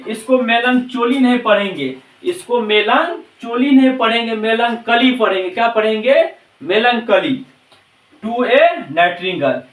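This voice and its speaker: A man teaching an English class, spelling out English book titles slowly and repeating each question until the answer sticks. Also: high voice, a bit bright, echoey room, far from the mic, rough recording. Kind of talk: classroom lecture.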